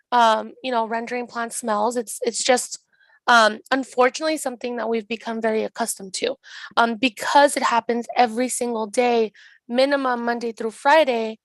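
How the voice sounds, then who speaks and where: A woman in her twenties with an American accent and a hoarse voice, explaining an issue at a public meeting over a video call. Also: fairly high pitch, dry recording. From Southeast Los Angeles, United States. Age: 20s. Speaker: mayor presenting at a public meeting.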